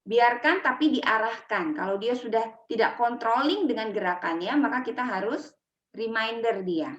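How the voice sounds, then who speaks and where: A woman teaching public speaking for children to parents in a lively workshop talk, demonstrating intonation as she explains. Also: a little high, moderate pace, echoey room, dull audio.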